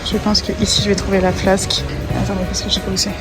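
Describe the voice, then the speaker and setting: Young woman, from France, exhausted, rapid rambling vlog chat, self-mocking, phone camera, music behind. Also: medium pitch, little pitch movement. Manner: chatty, tired, self-mocking, rambling asides. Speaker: vlogger. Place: car, shops and home, moving around.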